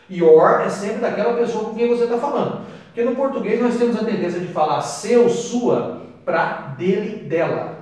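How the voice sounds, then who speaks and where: A Brazilian man teaches English at a board, pausing to draw out every example phrase slowly. His voice sits fairly high. He is heard from a distance in a room full of strong echo. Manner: slows right down to spell out each English phrase. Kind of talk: explaining at a whiteboard.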